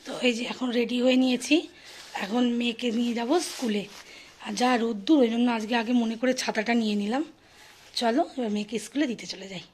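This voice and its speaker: A hoarse woman in her thirties, a mother chatting through her daily routine in a casual vlog. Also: on the high side, fairly even intonation, brisk. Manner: chatty, addresses viewers directly. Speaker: vlogger and mother.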